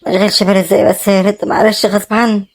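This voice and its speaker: A woman's voice: mid-range voice, flat delivery, very fast, natural voice. An actress with an Egyptian accent playing a younger sister who feels guilty and thanks her brother, pleading and apologetic. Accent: Egyptian Arabic. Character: grateful, guilt-ridden younger sister about to marry. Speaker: actor in a web drama.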